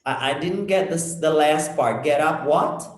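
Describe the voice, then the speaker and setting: A male English teacher giving an online conversation lesson, patiently correcting and modeling pronunciation slowly. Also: on the high side. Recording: echoey room.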